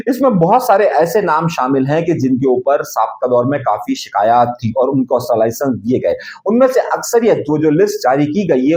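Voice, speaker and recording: A man's voice: on the high side, a little mellow. A man delivering a political news commentary, emphatic and speaking straight to viewers with rhetorical questions.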